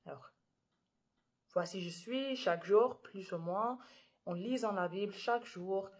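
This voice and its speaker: A young woman reading scripture aloud in French with an English-speaking learner's accent. She reads carefully, halting and correcting herself. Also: medium pitch. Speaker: Bible reader and video creator.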